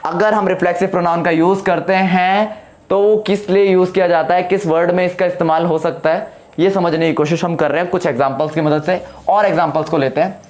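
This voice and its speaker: A man with a fairly high voice teaches English grammar in a classroom. He explains slowly, repeats his points and keeps checking with the class through questions. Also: steady tone, darkish tone. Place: classroom with whiteboard.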